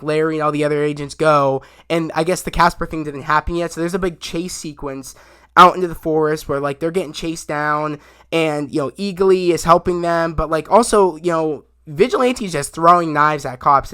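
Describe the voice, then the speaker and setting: A man's voice: fairly high pitch, pushed and bright, smooth. A young man giving a casual, rambling recap of a TV episode, full of restarts and fillers. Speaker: YouTube show reviewer.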